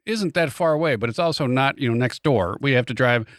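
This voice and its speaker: With an expressive mid-range voice and a slightly fast pace, this podcast co-host shares a funny, offhand story, exasperated and wry, voicing both people in each exchange. The audio is dry and of studio quality.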